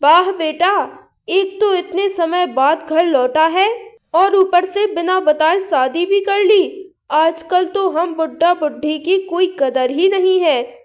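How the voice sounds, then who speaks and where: A woman's voice: very high voice, takes it slowly. A woman voicing an old village father who grumbles about his son's surprise marriage. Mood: grumbling.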